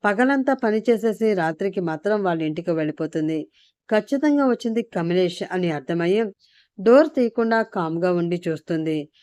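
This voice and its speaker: A woman storyteller reading a serial story in a steady, dramatic way. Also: fairly low pitch, moderate pace, smooth, dry recording.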